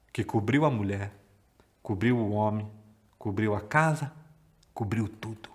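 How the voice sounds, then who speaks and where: A man with a Brazilian accent from Paraná, telling a folk tale to children in a lively, theatrical way and stretching words for effect. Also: mid-range voice. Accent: Paraná Brazilian Portuguese. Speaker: storyteller. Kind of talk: children's storytelling.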